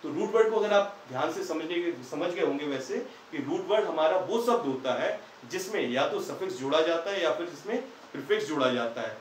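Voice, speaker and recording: A man's voice: a little high, lively intonation, brisk, hardly any pauses, slight background noise. A man teaching English grammar in Hindi, patiently asking questions and answering them himself. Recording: echoey room, far from the mic.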